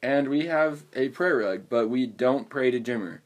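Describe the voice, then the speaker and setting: A man's voice: medium pitch, moderate pace. A young man co-hosting a casual podcast, joking around in a laid-back way. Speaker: podcast co-host. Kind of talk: casual chat.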